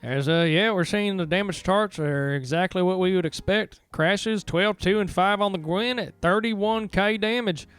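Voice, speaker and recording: A man's voice: sits high, fairly bright tone, clean tone, no room sound, soft background music. Upbeat male esports caster, dry close mic. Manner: quick, upbeat, with casual fillers. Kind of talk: live esports play-by-play commentary.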